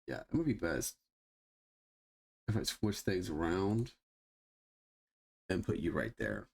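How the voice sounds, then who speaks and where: A man's voice: low voice, very animated, slow pace, creaky, husky. A man streaming a game live, chatting casually to himself and viewers, with sarcastic asides and plenty of swearing. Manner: talks to himself while browsing and fiddling. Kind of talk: casual live gameplay commentary.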